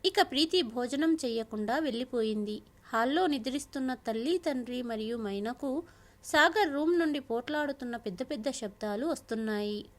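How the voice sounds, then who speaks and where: A woman narrating a family story in a steady, plain reading voice. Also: high voice, moderate pace.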